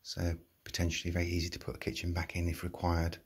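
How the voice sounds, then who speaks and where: English man, deep and monotone, casual phone walkthrough of a property, faint background hum. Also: fast talker. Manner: plain, matter-of-fact listing of features. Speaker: property seller giving a walkthrough. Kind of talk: casual property tour narration. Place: empty rooms of a shop building, indoors. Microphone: handheld phone, walking.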